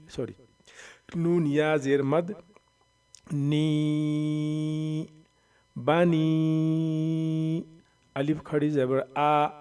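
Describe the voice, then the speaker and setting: A man teaching Quran reading, slowly sounding out letters and syllables, drawing out the long vowels, with a voice that cracks when he strains it. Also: a little high, a little mellow, clean tone, distant mic. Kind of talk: Noorani Qaida recitation lesson.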